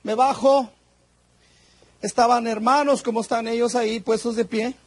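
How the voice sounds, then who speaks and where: A man's voice: very high-pitched, fairly even intonation, moderate pace, no room sound. A man preaching a fervent sermon, telling his testimony and reading scripture with emphasis. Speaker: guest preacher. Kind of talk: Pentecostal sermon.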